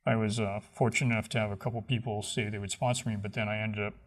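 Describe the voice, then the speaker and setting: Interviewed as a stunt coordinator, a man with a lowish voice answers fast, in a relaxed and rambling way packed with fillers.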